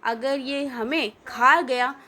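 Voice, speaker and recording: A woman voicing a naive, cheeky village boy who gives earnest, deadpan answers in a comic storybook tale. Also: high-pitched, takes it slowly, heavily acted.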